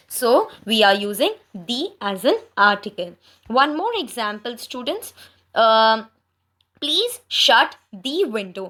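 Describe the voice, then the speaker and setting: A young Indian woman teaches grammar in a high, animated voice that swoops up and down. She speaks at a slow, careful pace, moving between Hindi and English. She talks directly to her students and checks often that they are following. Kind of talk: online grammar lesson.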